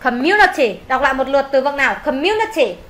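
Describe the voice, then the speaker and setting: A woman's voice: high voice, very animated, fast talker, a bit bright. A Vietnamese woman teaching an English lesson in a classroom, reading lines aloud, translating them and drilling vocabulary with repetition.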